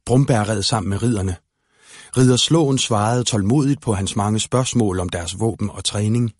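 A man calmly narrating a fairy-tale storybook aloud. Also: lowish voice, dry recording, clean studio sound. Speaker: audiobook narrator.

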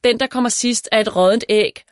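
A woman voicing a lively, excitable schoolgirl friend. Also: medium pitch, no echo, studio quality, pitched above the performer's own voice, lightly acted. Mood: excited.

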